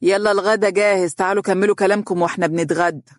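A man voicing an insistent, sharp-tongued middle-aged mother with an Egyptian accent. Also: mid-range voice, steady tone, rapid-fire, dry recording, studio quality, pitched above the performer's own voice, lightly acted. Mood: bossy. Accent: Egyptian Arabic.

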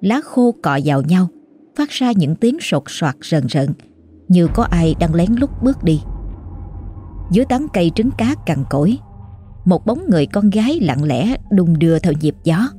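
A woman storyteller reading a horror story aloud in a slow, suspenseful way. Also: on the low side, very animated, mellow, slight background noise. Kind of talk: scripted horror story narration.

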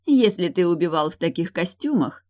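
A woman's voice: lowish voice, lively intonation, normal speed, darkish tone, close to an everyday voice. A woman voicing a bold, mocking captive woman who taunts her captor in an audiobook. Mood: taunting. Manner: taunting, sneering.

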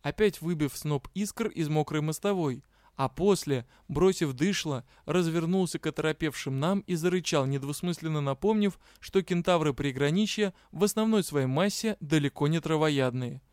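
A male narrator reading a comic fantasy tale. His voice sits a bit high and sounds smooth and clear, recorded close with a dry sound and no room echo. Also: normal speed, darkish tone. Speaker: audiobook reader.

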